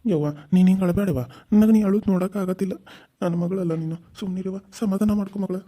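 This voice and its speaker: A woman voicing a gruff, protective middle-aged village uncle in a cartoon serial. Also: medium pitch, quick pace, mellow, lightly acted. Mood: comforting.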